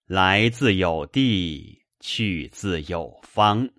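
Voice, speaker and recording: A man voicing an elderly Taoist hermit, speaking in slow, measured riddles. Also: deep voice, lively intonation, fairly bright tone, dry recording, studio quality, exaggerated voice. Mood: serene. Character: elderly male Taoist hermit, serene and cryptic.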